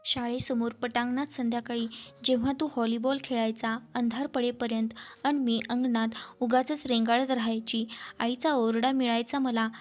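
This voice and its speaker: A woman's voice: fairly high pitch, steady tone, moderate pace, faint music behind, close to an everyday voice. A woman reading as a wistful married woman. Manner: wistful, intimate, confiding. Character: married woman recalling first love, wistful. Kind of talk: storybook reading.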